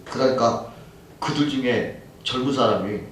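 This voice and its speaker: A man preaching a sermon as pastor, telling a story with lively voices for the people in it. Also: mid-range voice, moderate pace, very echoey, distant mic, a little hiss or hum, rough recording. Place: church sanctuary.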